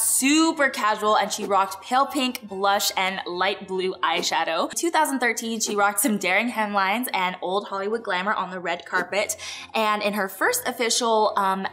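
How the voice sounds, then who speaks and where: A woman's voice: medium pitch, sharp tone. A young woman hosting a beauty news segment, chatty and bubbly, laughing often. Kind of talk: upbeat beauty segment presenting.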